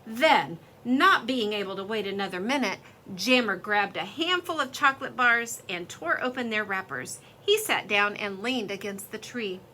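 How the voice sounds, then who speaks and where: A woman reading a children's story aloud in an expressive, lively storytelling way. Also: mid-range voice, normal speed, hardly any pauses, a little hiss or hum.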